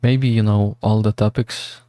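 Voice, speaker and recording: A man's voice: lowish voice, steady tone, a little slow, dark tone, no room sound, clean studio sound. A man streaming a game who rambles through philosophical thoughts, swearing freely as he muses. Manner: rambling, meandering, swears often. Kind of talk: casual livestream musing.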